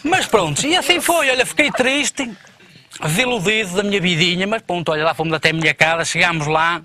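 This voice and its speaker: A high, bright-voiced man spins a comic tale in a lively, playful way. His pitch leaps around as he acts out the other characters, full of energy. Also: a little fast. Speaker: comedian guest. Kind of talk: comic storytelling in a radio interview.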